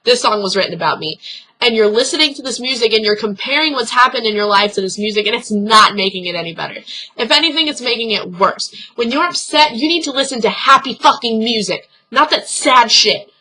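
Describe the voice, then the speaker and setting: A woman's voice: on the high side, animated, fairly quick, bright, forceful tone, poor audio. A young woman vlogging casual advice, blunt and earnest, swearing freely as she talks straight to the viewer.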